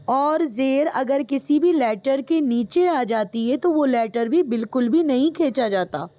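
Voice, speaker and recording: A woman with a high voice teaches in a live online class. She speaks patiently, repeats each point and quizzes her students. The sound is dull and lo-fi. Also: lively intonation, mellow. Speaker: Quran reading teacher.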